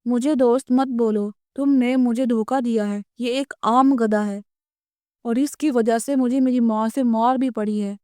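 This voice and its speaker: A simple, lazy young man from a kids' cartoon story, pushy and quick to complain, as a woman narrator reads him. The voice is raised and smooth. The sound is close and dry. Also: fairly high pitch, fairly even intonation, warm tone, no echo, close to an everyday voice. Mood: angry.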